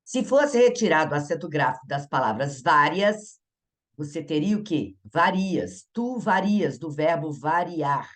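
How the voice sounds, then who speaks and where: A woman's voice: low-pitched, lively intonation, normal speed. Chatty Brazilian woman teaching grammar. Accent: Brazilian Portuguese. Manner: chatty, asks the viewer questions; laughs at herself. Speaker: Portuguese teacher. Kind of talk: exam-prep grammar lesson.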